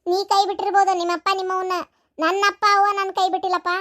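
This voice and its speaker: Casting: a woman playing a scolding village mother with a North Karnataka accent, very high voice, sarcastic and cutting. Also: flat delivery, bright, forceful tone. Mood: reproachful. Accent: North Karnataka Kannada. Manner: scolding, sarcastic, rapid taunts. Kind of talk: village family skit.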